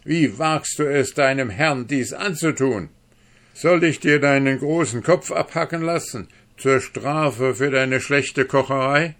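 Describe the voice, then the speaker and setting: A man voicing a furious, arrogant duke who shouts threats in an audiobook reading. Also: medium pitch, a little slow, voice pushed up. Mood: enraged. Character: furious arrogant duke, male adult ruler.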